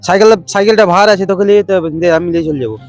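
A man's voice: sits high, very fast, music in the background. A man playing a scheming, belligerent drunkard husband in a village comedy skit, cursing and grumbling. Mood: urgent, insistent.

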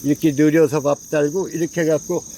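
This man, who grows pine trees, has a slightly high, mellow voice with a steady tone and talks a little fast. Out in the open, he casually demonstrates pruning, pointing at branches and explaining in a folksy manner while repeating himself. Slight background noise accompanies the poor-quality recording.

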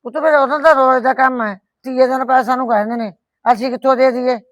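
A middle-aged woman acts as a firm, caring village mother in a rural family drama, her manner blunt as she scolds and soothes her daughter. She talks fast in a high voice with fairly even intonation, close to an everyday voice. There's no echo, and the highs are cut off.

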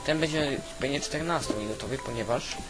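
A man giving casual, halting gameplay commentary, thinking aloud as host on an old weak microphone. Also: medium pitch, loud music behind the voice, poor audio. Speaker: gaming video host. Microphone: old cheap weak microphone. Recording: constant hiss from weak microphone.

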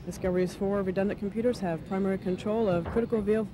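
A woman giving live launch countdown commentary in a formal, measured announcing manner. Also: medium pitch, fairly even intonation, crowd noise, poor audio. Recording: loud noise over broadcast announcement.

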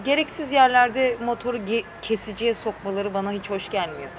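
A woman's voice: on the high side, brisk. A woman chatting casually as an interview guest, giving her opinions frankly. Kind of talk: casual outdoor chat interview. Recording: clear outdoor traffic and vehicle noise. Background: urban outdoor ambience with vehicles.

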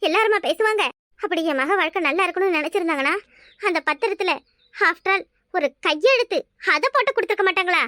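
A woman voicing a sharp-tongued village mother in a cartoon, scolding in a Kanyakumari Tamil accent as she defends her married daughter. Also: extremely high pitch, animated, dry recording, clean studio sound, heavily acted. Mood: indignant. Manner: scolding, rapid and indignant. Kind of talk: cartoon voice acting.

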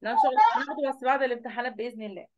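A woman's voice: on the high side, racing, a little mellow, muffled recording. A woman teacher with an Egyptian Arabic accent giving an online review lesson, asking questions and answering them herself.

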